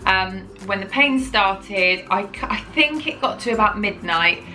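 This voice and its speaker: A woman's voice: medium pitch, animated, unhurried, bright, forceful tone, soft background music, poor audio. A woman, telling her own story to camera in a chatty, rambling way, often correcting herself. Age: 30s. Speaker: parenting vlogger.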